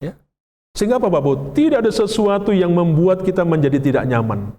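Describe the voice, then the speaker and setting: A man's voice: high-pitched, very animated, fast, warm tone. A man with an Indonesian accent, a pastor preaching a sermon in a conversational way, often putting questions to the congregation. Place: church sanctuary. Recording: long reverb of a church hall.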